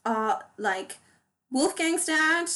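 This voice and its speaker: Chatty woman co-host, slightly high voice, full of fillers and restarts. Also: lively intonation, extremely slow, sharp tone. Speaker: podcast co-host. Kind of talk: casual chat.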